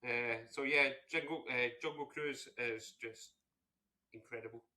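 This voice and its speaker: A woman with an extremely low voice co-hosting a casual podcast. Her tone is bright and forceful, and she explains things plainly and with enthusiasm. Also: steady tone, measured pace. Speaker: podcast co-host. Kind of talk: casual chat.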